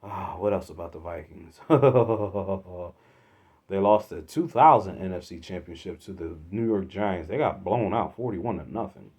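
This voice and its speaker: A man from Philadelphia hosting a solo sports podcast, exasperated, swinging from loud outbursts to low muttering. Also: breathy edge. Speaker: podcast host.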